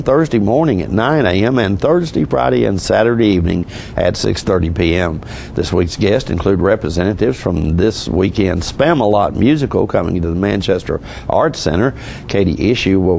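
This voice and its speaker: A man's voice: sits low, vocal fry, darkish tone, a little hiss or hum. A man presenting scripted local news as the show's anchor.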